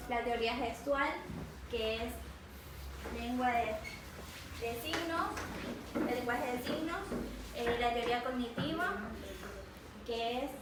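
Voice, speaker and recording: Halting young woman presenting in class. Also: fairly high pitch. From Ecuador. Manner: hesitant, halting with fillers and restarts. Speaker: student presenter. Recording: very echoey room, mic far off, noisy.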